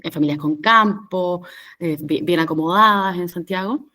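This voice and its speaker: A woman in her thirties with a Chilean Spanish accent, a guest on a podcast. Her voice sits somewhat low for a woman, and she speaks reflectively, pausing on fillers and restarting phrases. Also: pushed and bright. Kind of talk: conversational interview.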